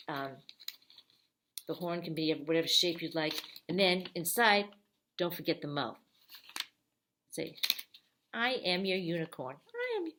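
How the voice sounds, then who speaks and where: A woman's voice: deep voice, a little hiss or hum. A woman librarian giving a friendly, step-by-step craft tutorial for kids. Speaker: children's librarian.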